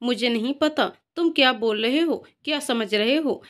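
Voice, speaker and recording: A gentle young wife speaks earnestly in a storybook tale, voiced by a woman narrator. Her voice is high-pitched and soft-edged, and the delivery is simple and sincere. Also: moderate pace, close to an everyday voice. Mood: pleading. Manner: pleading, earnest.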